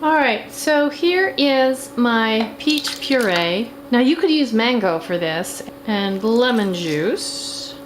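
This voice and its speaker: A woman's voice: a little high, lively intonation, slow, few pauses. A middle-aged woman playing a campy, glamorous housewife who hosts a chatty cooking demonstration with a theatrical drag-queen manner. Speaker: cooking show host. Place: home kitchen. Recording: clear background noise in kitchen.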